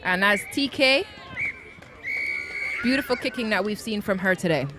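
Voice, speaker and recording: A woman's voice: medium pitch, lively intonation, normal speed, a crowd in the background, noisy background. A woman commentating live on a rugby match at an outdoor ground, explaining the play in an upbeat way.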